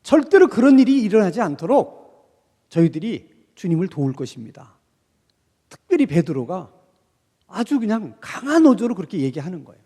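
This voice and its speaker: A high, lively male voice preaches a sermon and slips into the voices of the figures he quotes. The tone is mellow and warm, and a long hall reverb trails each phrase, as in a church sanctuary. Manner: animated, acts out quoted speech of disciples and Jesus. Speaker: pastor.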